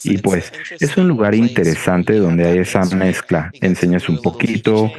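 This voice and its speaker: Male, low-pitched, live interpreter, panel webinar, halting phrase-by-phrase delivery, uneven flow. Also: darkish tone.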